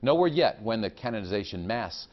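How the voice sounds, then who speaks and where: A man reporting a local TV news story in a measured, formal delivery. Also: on the low side, sing-song, dull audio.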